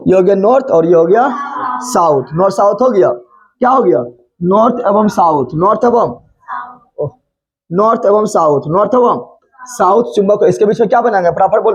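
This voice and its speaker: A male teacher explains physics, constantly asking his students the same question again and teasing them. His voice is high-pitched with a husky edge. The recording is dull and lo-fi. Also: a little mellow. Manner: repeats questions to the class, scolds students playfully. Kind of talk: classroom lecture.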